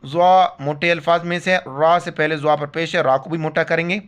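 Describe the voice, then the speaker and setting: A man teaching Quran tajweed, chanting the verse slowly and then rattling off letter-by-letter explanations in speech. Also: a little high, fairly even intonation, a bit bright, smooth. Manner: slow drawn-out recitation alternating with rapid spelled-out explanation. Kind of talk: Quran recitation lesson.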